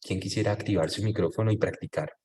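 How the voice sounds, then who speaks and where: A man with a lowish voice leads an online language class over a video call. He speaks patiently, drops short French phrases into his explanations and keeps asking whether everyone is following. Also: quick pace, darkish tone, husky. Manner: patient, often checks understanding with tag questions. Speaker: French teacher.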